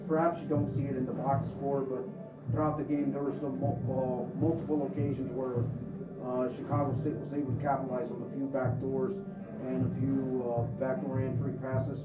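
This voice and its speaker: A man asks a coach questions at a press conference, his delivery flat and halting with many fillers. He sounds far from the mic, the audio dull and roomy with loud music behind. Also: mid-range voice. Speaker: reporter. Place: press room.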